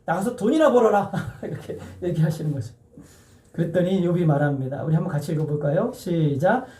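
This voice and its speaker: High-voiced pastor guy preaching, mellow tone, keeps asking the crowd questions, echoey church, mic kinda far. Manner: conversational preaching with rhetorical questions to the congregation; slows down to read scripture aloud with the congregation. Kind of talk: sermon. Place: church sanctuary. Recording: echoey church hall, mic a bit distant.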